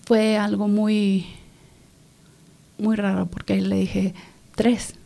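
A woman with a gravelly, dark-toned voice tells an earnest personal faith testimony in an interview, speaking in a fairly flat, level tone. She talks softly and often slips into a breathy whisper. Her first language is English. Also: mid-range voice, extremely slow. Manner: soft, often drops to a whisper. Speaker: interview guest.

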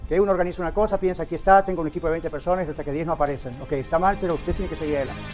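A man's voice: on the high side, fairly even intonation, racing, a little mellow, faint music behind. An older male pastor preaching a sermon, telling a story animatedly and putting rhetorical questions to his congregation.

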